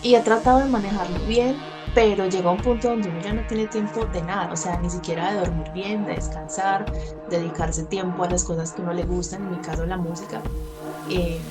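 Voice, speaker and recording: A Colombian woman in her thirties tells her own story frankly in a sit-down conversation. She laughs lightly between sentences and acts out the things she said at the time. Soft music plays faintly underneath. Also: fairly low pitch, steady tone, brisk. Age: 30s. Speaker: interviewee. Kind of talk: personal testimony in conversation.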